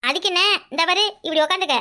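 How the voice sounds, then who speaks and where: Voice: very high voice, fairly even intonation, racing, bright, forceful tone. A performer voicing a scheming, bossy older village mother in a cartoon, with a Kanyakumari Tamil accent and a coaxing, theatrical manner. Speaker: cartoon character. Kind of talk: comic cartoon voice acting.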